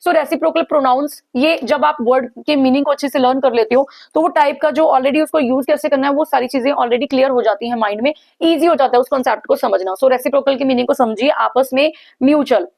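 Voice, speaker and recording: A woman teaching English grammar, explaining in Hindi with filler pauses and reading English examples slowly. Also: high voice, vocal fry, a little mellow, no echo. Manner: frequent hesitation fillers.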